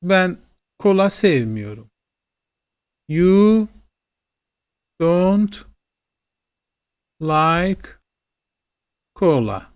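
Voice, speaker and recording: A man with a Turkish accent teaching English, slowly repeating example sentences in a classroom-style lesson. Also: sits high, very animated, clean tone. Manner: slow, drilling repetition of example sentences.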